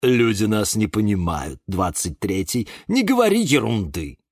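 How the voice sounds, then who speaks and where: A man's voice: on the low side, sing-song, unhurried, breathy edge, no room sound, clean studio sound, full character voice. A man voicing a bossy, nosy female cactus who talks down dismissively in a storybook. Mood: scolding. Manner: dismissive, scolding.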